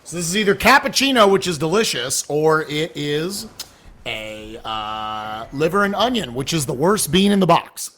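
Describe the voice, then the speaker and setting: A man hosting a charity livestream, excitable, reading donations aloud and reacting loudly. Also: fairly high pitch, moderate pace. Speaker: charity stream host. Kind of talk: casual livestream chat.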